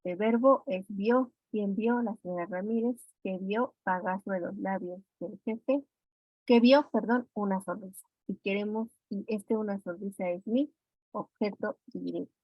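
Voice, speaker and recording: A woman's voice: medium pitch, unhurried, no room sound. A woman teacher with a Mexican Spanish accent explains exam answers one by one and turns to her students with questions. The sound is dry and a little muffled, as if from a modest mic. She keeps a patient, methodical teaching rhythm. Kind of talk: classroom exam review.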